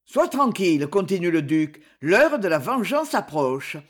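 A woman reading an audiobook, voicing a proud, ambitious aging duke speaking to his daughter in a grave, forceful tone. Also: fairly low pitch, big pitch swings, measured pace. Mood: resolute.

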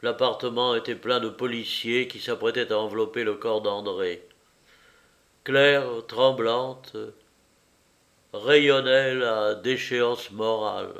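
A man reading a novel aloud as an audiobook narrator, in a measured, deliberate manner. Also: mid-range voice, steady tone, a bit bright.

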